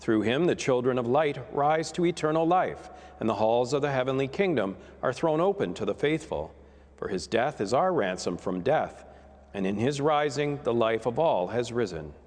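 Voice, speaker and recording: Priest praying in cathedral echo, lilting cadence. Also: male voice, medium pitch, lively intonation, darkish tone. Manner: measured, reverent delivery with rising and falling cadence. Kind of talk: liturgical prayer, solemn formal recitation. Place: large reverberant church. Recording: long cathedral-like reverberant church echo.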